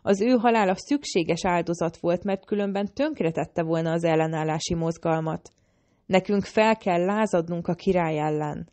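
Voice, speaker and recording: A woman reading the part of a scheming male assassin in an audiobook, speaking in a low, urgent, persuasive way. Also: a little mellow, lightly acted.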